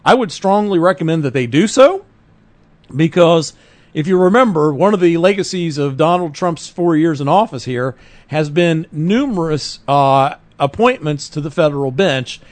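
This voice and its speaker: Man, podcast co-host, earnest emphatic talk, higher-pitched voice, dry close sound. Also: lively intonation, normal speed, a little mellow, dry recording. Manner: earnest, emphatic, restarts and self-corrections. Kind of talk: political talk radio chat.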